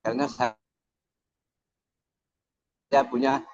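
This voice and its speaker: A man's voice: mid-range voice, level tone, slow pace, darkish tone, no room sound. A man from Madura, Indonesia asks a hesitant question over an online call from a village, his audio choppy and breaking up. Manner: hesitant, many fillers. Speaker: participant asking a question. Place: village with weak signal. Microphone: online video call. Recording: dull lo-fi call line.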